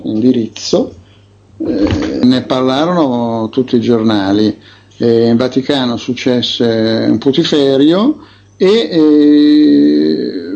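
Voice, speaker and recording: A man's voice: medium pitch, a little mellow, highs cut off. A man, an investigative author, recounting his experiences with indignant emphasis and frequent hesitations.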